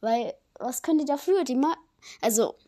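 A woman's voice: high voice, expressive, normal speed. A teenage girl hosting a casual podcast, joking around and trailing off into murmured asides. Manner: giggly, jumps between loud jokes and murmured asides. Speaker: podcast host.

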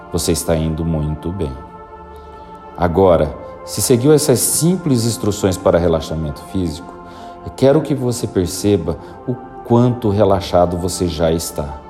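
A man guiding a listener through a hypnosis induction with slow, soothing, repetitive instructions. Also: sits low.

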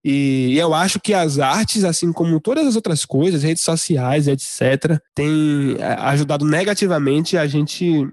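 A man with a somewhat high voice explains his views in a reflective, halting way, full of fillers and restarts. The sound is dry and close, with no room around it. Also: a little mellow, no echo. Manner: hesitant, many restarts and fillers. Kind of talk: casual discussion.

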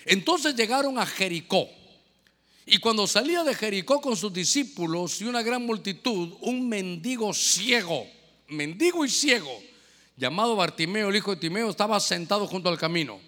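Male pastor, high bright voice, emphatic sermon, echoey church with faint music. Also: lively intonation, normal speed. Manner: emphatic, repeats phrases, asks listeners questions.

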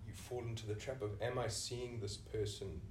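With a lowish, slightly mellow voice and fairly even intonation, a senior clinician with a South African accent answers a podcast interviewer at normal speed. He thinks through his replies and often restarts with "you know," speaking off-mic in an echoey room with faint hiss or hum.

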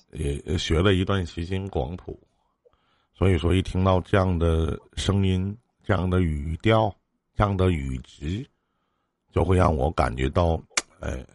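A man in his forties hosting a live advice call-in, chatting casually in a joking, teasing way. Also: low-pitched. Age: 40s. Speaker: live-stream advice host.

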